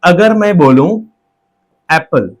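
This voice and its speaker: A man teaches an exam-prep lesson, his voice sitting a little higher than most men's. He explains step by step, sounding out each word slowly into its syllables and checking in with the listener after nearly every line. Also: expressive. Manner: explains step by step, breaks words into sounds slowly, repeats "theek hai". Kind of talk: classroom-style lecture.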